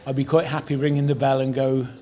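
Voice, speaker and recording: Older man, mid-pitched, chatting in an interview. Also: level tone, fast, dark tone. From Cotswolds, England. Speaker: town crier. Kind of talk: casual outdoor interview.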